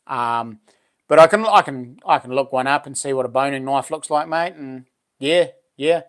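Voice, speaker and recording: A man's voice: mid-range voice, moderate pace. A man in his late forties with a broad New Zealand accent, chatting casually to livestream viewers in laid-back, blokey slang. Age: late 40s. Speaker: livestream host. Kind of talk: casual live chat with viewers.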